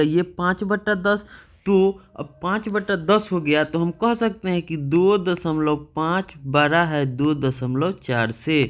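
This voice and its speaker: A man teaching a math lesson, patiently asking questions and checking in with "okay" often. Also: on the high side.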